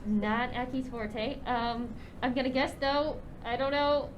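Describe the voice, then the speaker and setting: A woman with a high voice, chatting casually during a tabletop game. She takes her time, with animated pitch. Noise and rumble are clear in the recording. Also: measured pace, highs cut off.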